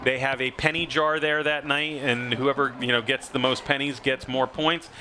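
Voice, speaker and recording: A man doing play-by-play for a high school football broadcast, conversational with frequent fillers. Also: flat delivery, moderate pace, bright, forceful tone, slight background noise. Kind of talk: local sports commentary.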